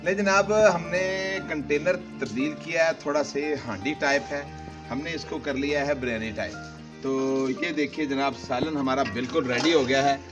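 Over a wood fire in a village yard, a man in his forties cooks for his vlog and chats casually with viewers, talking to them directly. His slightly high voice is unhurried, recorded on a camera mic in a cameraman's hand, with music under it.

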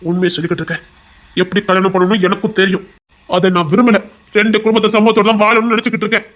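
A man's voice: sits high, level tone, racing, a bit bright. A man with a Tirunelveli Tamil accent playing a young male heart doctor, a possessive lover who pleads and turns to threats. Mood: threatening. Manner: pleading, insistent, turning threatening. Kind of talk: audio drama acting.

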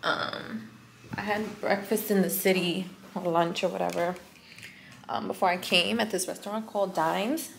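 A young woman chatting through a hotel room tour with a handheld camera held out at arm's length, gushing and sometimes dropping to a near whisper. Her voice has a gravelly, fry-edged texture, and it bounces around a small tiled room. A faint hiss sits under it. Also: lowish voice, steady tone, normal speed, roomy sound. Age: young adult. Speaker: vlogger.

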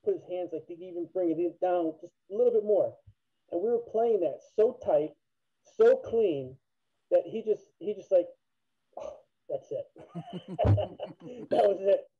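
A man in his fifties, a former drum line member, telling a memory in a halting way with many fillers. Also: high voice, lively intonation, husky. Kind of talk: casual reminiscing chat. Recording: tinny phone-like call audio.

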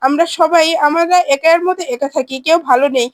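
A woman's voice: high voice, fairly quick, no echo, clean studio sound, lightly acted. A woman voicing a gossiping young woman in a retold TV serial, speaking urgently and conspiratorially.

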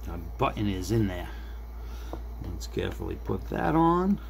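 A middle-aged man with a fairly low, sing-song voice and some vocal fry speaks at a moderate pace. As a hobbyist repair video maker, he works at an indoor desk, thinking aloud to viewers in an unscripted, casual demonstration, with background noise and room ambience.

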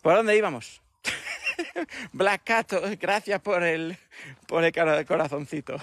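Livestream host, a man, high voice, lively and mocking. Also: unhurried, dry recording, clean studio sound. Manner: animated, mocking imitations, rhetorical questions. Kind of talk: casual live chat.

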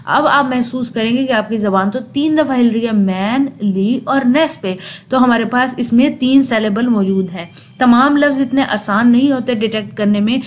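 Young woman lecturing. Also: on the high side. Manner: explains step by step with spoken examples. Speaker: teacher.

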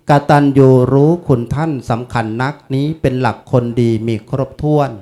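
Folksy Isan monk preaching. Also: male voice, mid-range voice, darkish tone. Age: 50s. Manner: folksy, chatty teaching with Pali chanting. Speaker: monk giving a funeral sermon. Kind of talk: sermon.

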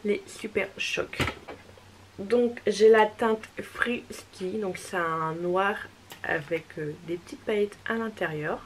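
A woman's voice: medium pitch, slow pace, poor audio. Casting: chatty woman vlogger, casual haul, faint hiss behind. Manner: chatty, repeats "voilà" often, apologetic. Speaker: beauty vlogger. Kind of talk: casual makeup haul vlog.

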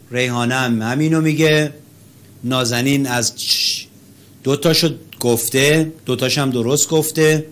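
A male teacher leading an interactive class, calling on students by name, praising their answers and chanting syllables slowly to show the rhythm. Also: mid-range voice, fairly bright tone, clean tone.

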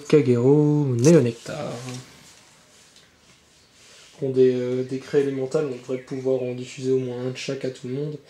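Man, casual unboxing chatter, rambling with fillers, mellow voice, echoey room, faint ambience behind. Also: mid-range voice, a little hiss or hum. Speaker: channel host opening trading card boxes. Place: indoor room with birds outside.

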